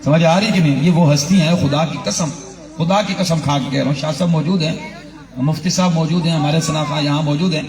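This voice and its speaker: A man's voice: a little high, fairly even intonation, a little mellow. A man preaching a fiery devotional sermon, rousing the crowd to chant back. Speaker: preacher at a shrine gathering. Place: large gathering at a shrine. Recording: echoey hall, far from mic, crowd.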